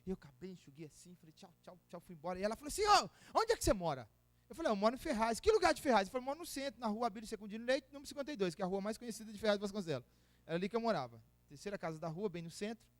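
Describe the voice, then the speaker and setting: A man with a São Paulo accent, preaching a lively testimony sermon and acting out the people in his story in slangy street talk. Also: high-pitched, very fast, no echo. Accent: São Paulo Portuguese. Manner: animated storytelling with slang and acted-out quotes. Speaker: pastor.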